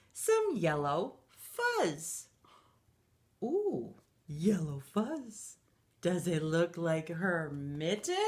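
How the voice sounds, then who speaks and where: A middle-aged woman reads a picture book to young children in a playful, sing-song way. Her voice sits at a medium pitch with a fairly bright tone. She is a children's storytime reader.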